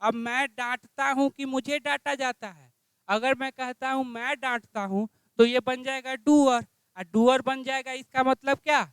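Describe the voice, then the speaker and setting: A man's voice: extremely high pitch, steady tone, moderate pace, a bit bright, clean tone, no echo. A male English teacher teaching grammar. He quizzes his class with repeated questions and spells out phrases word by word.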